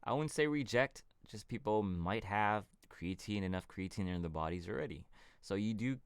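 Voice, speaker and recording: Low-voiced man answering livestream questions. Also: normal speed, clear, resonant tone, dry recording. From California. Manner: relaxed, rambling answers to viewer questions. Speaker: fitness channel host. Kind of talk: casual livestream Q&A.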